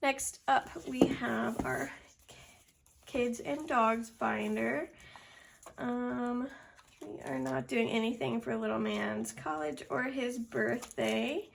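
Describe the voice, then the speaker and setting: Casting: young woman, higher-pitched, a bit winded, casual how-along narrator who tallies numbers aloud. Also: fairly even intonation, slow pace, vocal fry, a little hiss or hum. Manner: counts amounts aloud step by step. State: slightly out of breath. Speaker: budgeting video host. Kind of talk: casual narration of a hands-on task.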